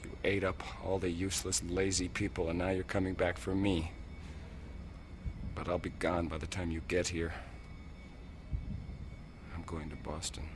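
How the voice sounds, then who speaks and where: A man's voice: deep voice, little pitch movement, moderate pace, long pauses, background noise, natural voice. A man playing a brooding paranoid mutterer.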